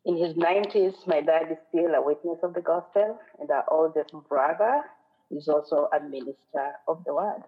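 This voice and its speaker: A woman's voice: low-pitched, moderate pace. A woman from western Kenya with a Kenyan accent, giving an earnest, reflective sermon as a guest speaker at a church. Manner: earnest, reflective, quotes scripture and song lyrics. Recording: phone-like narrow sound.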